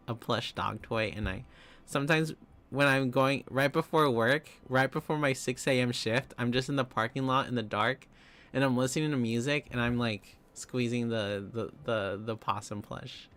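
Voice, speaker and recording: A man's voice: medium pitch, a bit bright. A young man streaming live, chatting casually with viewers, giggling often and rambling through restarts.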